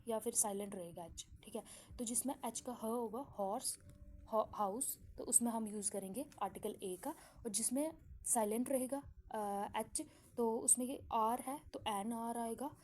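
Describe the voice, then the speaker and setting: A woman teaching an English grammar lesson, explaining slowly with examples and checking in often with the class. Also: fairly high pitch, a little mellow, a little hiss or hum.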